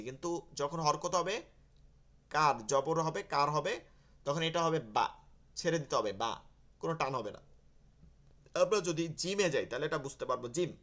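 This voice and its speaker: A man teaching an online Quran reading class, explaining step by step and having students repeat each letter sound while he gently corrects them. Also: fairly high pitch. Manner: conversational, gently correcting pronunciation.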